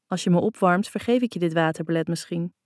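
A woman reading a teasing young man, low mellow. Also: fast talker, dry recording, clean studio sound, lightly acted. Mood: playful teasing. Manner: playful, joking. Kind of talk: audiobook character reading.

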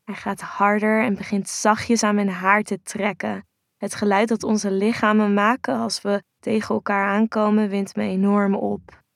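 A woman narrating a first-person erotic audio story in a soft, intimate, hushed way. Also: mid-range voice, flat delivery, measured pace, creaky, no echo, studio quality.

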